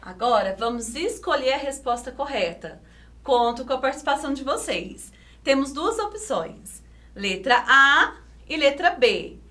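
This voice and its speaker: Slow, lively-voiced Brazilian woman teacher. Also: high voice. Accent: Brazilian Portuguese. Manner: slow, over-enunciated syllables, coaxing questions. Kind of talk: video lesson for children.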